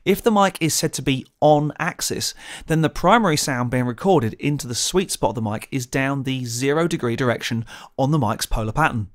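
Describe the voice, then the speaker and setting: A man presenting a scripted audio tutorial, explaining clearly and methodically into a close studio condenser mic. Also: medium pitch, a little fast. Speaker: presenter of a gear channel.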